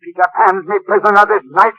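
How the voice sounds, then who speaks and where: A man's voice: sits high, flat delivery, a little fast, no room sound, lo-fi sound. An actor playing a villainous pirate captain in an old-time radio drama, grandiose and mock-sweet as he relishes his schemes. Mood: gloating, mock-sweet.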